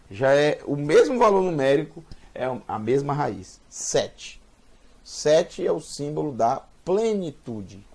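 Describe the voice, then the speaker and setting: A man's voice: a little high, gravelly, darkish tone, husky. A man giving a beginner's language lesson, patiently sounding out words and repeating them for learners. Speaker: teacher. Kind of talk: slow spoken language lesson.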